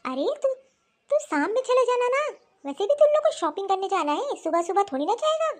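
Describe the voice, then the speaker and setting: A woman's voice: very high voice, big pitch swings, brisk. A woman voicing a stubborn, nagging middle-aged mother-in-law in a cartoon story. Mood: scolding. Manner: scolding, dismissive. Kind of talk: cartoon voice acting.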